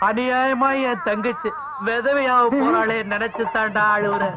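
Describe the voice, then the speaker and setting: A man's voice: very high voice, fairly even intonation, measured pace, loud music behind the voice, rough recording. An actor playing a blunt, mocking brother-in-law who threatens his sister's husband in a comedy film. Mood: threatening.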